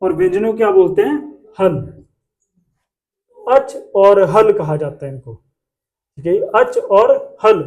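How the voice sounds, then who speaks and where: A man's voice: high voice, lively intonation, slow pace, long pauses, darkish tone. A man teaching a class, asking questions and repeating the answers himself. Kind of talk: classroom lesson.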